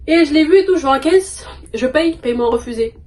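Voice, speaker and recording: Chatty young woman, bright voice. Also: high-pitched, expressive, fairly quick. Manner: chatty, slangy, rambling with many fillers. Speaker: vlogger. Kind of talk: casual chat.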